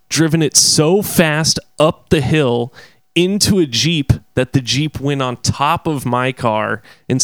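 A young man telling a wild story in a casual, profane, animated way, often laughing between phrases. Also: medium pitch, smooth, no echo.

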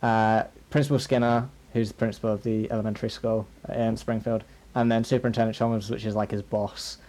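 A man's voice: on the low side, little pitch movement, fairly quick, a little mellow, poor audio. A man co-hosting a podcast, chatting casually with lots of ums and restarts. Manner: rambling, hesitant, fillers. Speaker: podcast co-host. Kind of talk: casual chat.

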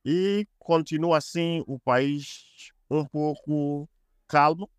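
A man chatting as a podcast guest, explaining things deliberately and repeating phrases. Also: a little high, clean tone, dry recording, studio quality. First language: Portuguese. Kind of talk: casual explanatory chat.

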